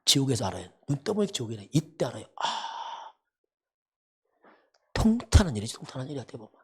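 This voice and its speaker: Male pastor, sermon, husky voice, animated swinging pitch, emphatic repetition. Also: racing. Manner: emphatic, repetitive preaching with rhetorical questions. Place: church sanctuary.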